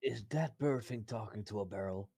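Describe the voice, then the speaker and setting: A man's voice: fairly low pitch, moderate pace, creaky, warm tone, breathy edge, dry recording. A man playing a tabletop game, asking curious questions and joking. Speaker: player. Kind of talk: casual tabletop game chat.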